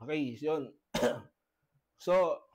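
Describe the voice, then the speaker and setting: A high-pitched man, a pastor, lays out his case in an online debate in a halting way, tagging his points with questions. He has a cough and keeps clearing his throat, heard through a video-call mic. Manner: halting, many tag questions. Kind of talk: debate presentation.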